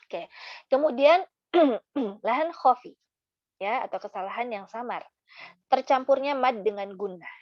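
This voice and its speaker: Brief: woman recitation teacher, slightly high voice, chatty with fillers, dry muffled recording. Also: animated, no room sound. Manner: chatty, demonstrates recitation slowly, frequent fillers. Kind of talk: casual tajwid lesson.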